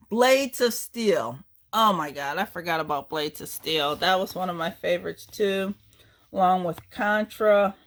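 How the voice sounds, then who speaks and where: A middle-aged woman rambling nostalgically about her game collection in a casual chat, with lots of ums and uhs. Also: medium pitch. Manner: rambling, nostalgic, many fillers.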